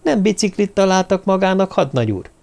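A woman's voice: medium pitch, big pitch swings, gravelly, darkish tone, pitched above the performer's own voice. Brief: eager, chatty young woman, put on by a male narrator in a raised, lilting voice. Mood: puzzled.

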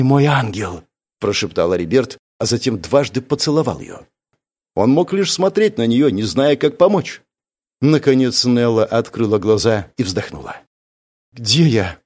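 A man narrating a novel in a dramatic, expressive reading style. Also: mid-range voice. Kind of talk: audiobook narration.

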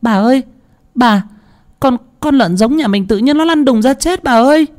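A man voicing a terrified young female servant who stammers and pleads in a high, breaking voice. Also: normal speed, darkish tone. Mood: panicked pleading.

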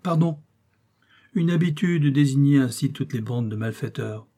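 Male reader as a gruff excitable general, emphatic, dark voice, husky, storybook. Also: mid-range voice, normal speed, natural voice.

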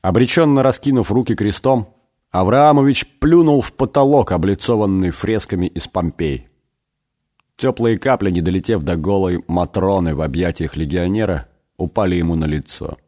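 A man reading a satirical story aloud as an audiobook, wry and expressive. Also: low voice, moderate pace. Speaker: reader. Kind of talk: audiobook narration.

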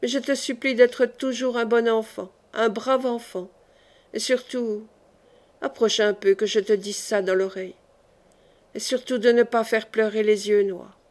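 A woman reading the part of a gentle young man on his deathbed, soft, weary and affectionate. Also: fairly high pitch, steady tone, a little slow, natural voice. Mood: tender.

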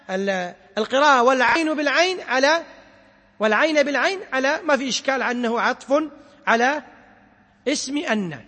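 A man with a strikingly high voice gives a classroom lecture as a sheikh. He stops to quiz his students and draws out quoted verses slowly. His voice trails off in a long reverb, as if he is speaking in a large hall or mosque. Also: bright, forceful tone. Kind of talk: classroom lecture explaining a poem on Quran sciences.

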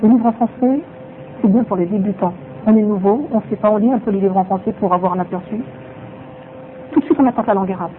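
A man leads a religious lesson, weaving in Arabic phrases and repeating key points for emphasis. His voice sits high and he talks fast. It is recorded with a tinny, phone-like sound and a little faint noise.

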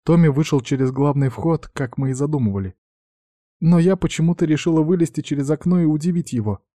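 A man's voice: on the high side, fairly quick, warm tone, no room sound, voice pushed up, natural voice. A man putting on a frightened young woman, her voice lifted well above his own and thin with tears. She sniffles and sobs through her words, close and dry, as in a storybook audiobook. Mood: tearful. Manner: sobbing, sniffling. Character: tearful red-haired young woman, frightened, guilty.

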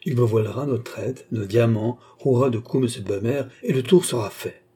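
A sly, sardonic con man in a storybook read-aloud, as a man reads him. The voice is mellow and husky, confident and a little mocking. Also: medium pitch, moderate pace. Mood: scheming. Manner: scheming and mocking. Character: cunning, sardonic male swindler.

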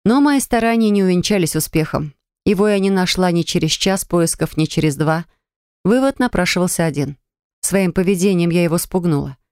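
Casting: woman narrator for first-person fiction audiobook, slightly low voice, very little room sound. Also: fairly quick, darkish tone, clean tone, dry recording, clean studio sound.

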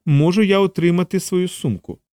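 Male narrator doing a cold sly fur-coated woman, pitched up, mellow tone. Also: huge pitch swings, fast, dry recording, studio quality. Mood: cool. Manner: cold and curt.

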